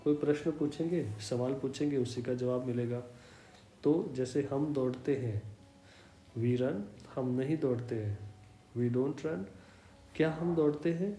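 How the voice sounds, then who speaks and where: A man teaches a basic English lesson, walking through each example slowly and repeating it patiently. His voice is soft and mellow. The recording carries a roomy echo and a faint background hum. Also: medium pitch. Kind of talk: slow explanatory language lesson. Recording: echoey room with faint hum.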